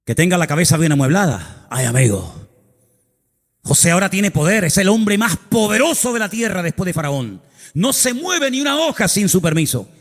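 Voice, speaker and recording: A man's voice: high-pitched, sing-song, moderate pace, long reverb tail. A male pastor preaching a sermon in a church, telling the story dramatically with emphatic repetitions and asides.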